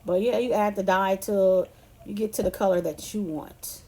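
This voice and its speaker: A woman from California talks viewers through a homemade candy recipe in a relaxed, chatty way. She rambles a little and calls her audience "y'all" and "you guys." Her voice sits at an ordinary middle pitch. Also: moderate pace. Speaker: cooking vlogger. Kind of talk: casual cooking tutorial.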